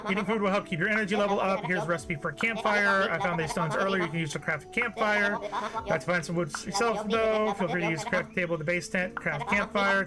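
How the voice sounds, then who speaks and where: A man's voice: high-pitched, lightly acted. A man voicing a cheerful female settler leader from a farming game, reading her dialogue aloud in a chatty, folksy, encouraging way.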